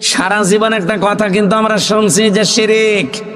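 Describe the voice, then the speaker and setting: Booming high-pitched Bangladeshi male preacher, heavy reverb. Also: steady tone, moderate pace, faint music behind. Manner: booming, forceful oratory, prompting listeners with questions. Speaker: Islamic preacher. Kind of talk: waz sermon to an audience. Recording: long reverb of a PA system.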